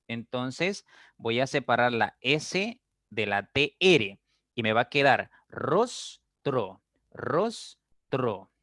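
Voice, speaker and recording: Slow, patient male teacher. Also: medium pitch, sharp tone, dry recording, clean studio sound. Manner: slow, patient explaining with check-ins like ¿ok? and ¿listo?; stretches out example words syllable by syllable. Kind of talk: recorded lesson on syllable division.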